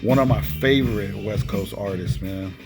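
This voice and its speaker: A man with a lowish voice, speaking at a moderate pace, hosts a casual video showing off his cassette collection. He's enthusiastic and keeps tacking "man" onto his phrases, with guitar music playing in the background.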